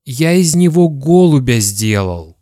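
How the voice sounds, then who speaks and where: A man's voice: fairly high pitch, wildly swooping pitch, unhurried, a little mellow, dry recording, studio quality, pitched above the performer's own voice. A man reading a children's story aloud, voicing a frightened eight-year-old boy who speaks timidly. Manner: timid, trembling, near whisper.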